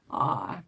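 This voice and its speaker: Her voice sits high and sounds creaky, pushed, and bright. An older motorcycle vlogger, she hosts a casual livestream, reading viewer comments aloud and rambling through her replies.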